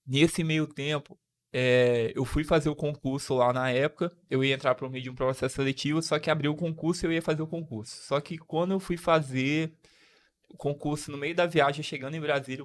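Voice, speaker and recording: A young man from Brazil hosting a podcast, telling a personal story with feeling, full of slang and restarts. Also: on the high side. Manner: emotional, slang-filled storytelling with frequent restarts. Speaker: podcast host.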